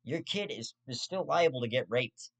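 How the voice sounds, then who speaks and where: A man's voice: mid-range voice, expressive, moderate pace, husky. A young man hosting his own show, ranting in profane, rambling casual commentary with stammered restarts and half-joking asides.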